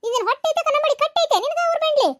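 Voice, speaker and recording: A woman's voice: extremely high pitch, racing, slight background noise, voice pushed up. A woman voicing a short-tempered village mother-in-law in a cartoon, scolding and cursing in a North Karnataka accent. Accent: North Karnataka Kannada. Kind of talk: cartoon voice acting.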